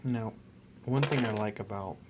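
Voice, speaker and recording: A young man casually talking through his hobby work, rambling and relaxed with many fillers and restarts. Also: on the low side, normal speed, noisy background. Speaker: miniature painter.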